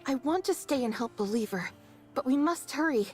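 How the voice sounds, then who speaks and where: A proper, well-mannered squad member from a game, her voice high and swinging in pitch. She speaks with careful politeness and a scolding edge. Light music sits beneath. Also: expressive, moderate pace, a little mellow. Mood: earnest. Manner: polite and precise. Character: proper, scolding young woman on a team. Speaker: game character. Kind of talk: game voice acting.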